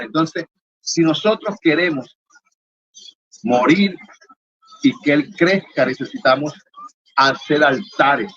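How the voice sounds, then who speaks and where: Male pastor, fairly high voice, emphatic repetitive sermon delivery, dull lo-fi sound with faint room ambience. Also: fairly bright tone, slight background noise. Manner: emphatic preaching in repeated lists.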